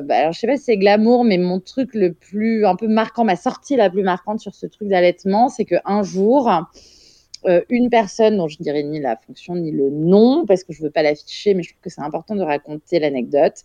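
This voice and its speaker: A woman's voice: lowish voice, mellow, no room sound, highs cut off. A woman in her thirties, a podcast guest telling a story in a frank, casual way, swearing now and then and using plenty of fillers.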